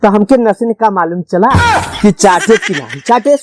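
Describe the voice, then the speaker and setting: A man's voice: sits high, expressive, moderate pace, background noise. A man playing a foolish, boastful drunk sidekick with an Awadhi accent in an amateur comedy sketch. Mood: drunk boasting.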